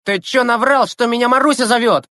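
A reader voicing a rough, threatening schoolboy bully who talks in crude slang in an audiobook. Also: mid-range voice, a little fast, sharp tone, dry recording, clean studio sound, pitched above the performer's own voice, natural voice. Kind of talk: audiobook character voice.

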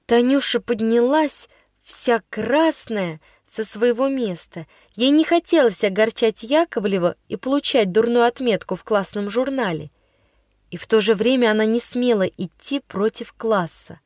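A woman narrating a first-person story in a measured storytelling way. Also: a little high, animated, darkish tone, no echo, clean studio sound. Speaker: audiobook reader.

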